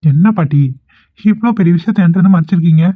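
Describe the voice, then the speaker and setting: A man's voice: high voice, fast, dry recording. A man voicing an earnest, caring young husband in a cartoon. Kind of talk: cartoon voice acting. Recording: thin phone-like recording.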